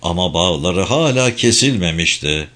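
A man reading a dark novel aloud as an audiobook narrator, with expressive delivery. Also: low voice, moderate pace.

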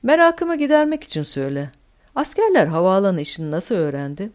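A woman voicing a calm, fatalistic older male German officer in an audiobook. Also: medium pitch, fairly quick, natural voice. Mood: resigned.

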